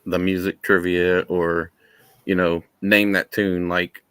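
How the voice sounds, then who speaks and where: A man's voice: deep voice, flat delivery, slow, a bit bright, clear, resonant tone, no room sound. A man joining a live stream as a guest, chatting in a laid-back way. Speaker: guest caller. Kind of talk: casual chat.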